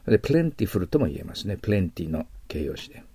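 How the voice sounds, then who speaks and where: A man with a low, dark, slightly husky voice teaches vocabulary in a patient, explanatory way. He repeats each word slowly to model its pronunciation. The recording is close and dry. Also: very animated, dry recording. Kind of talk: recorded audio lecture.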